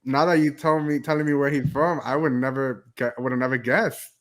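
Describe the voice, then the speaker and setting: A man's voice: mid-range voice, fairly even intonation, a little fast. A young adult man from New Jersey hosting a casual interview over a video call, rambling and restarting his questions. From New Jersey, USA. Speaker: host.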